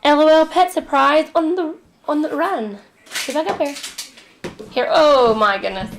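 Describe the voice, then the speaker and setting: A woman's voice: high-pitched, measured pace, slight background noise. A mother in a casual family vlog, talking sweetly and coaxingly to her small children. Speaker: mother filming her kids.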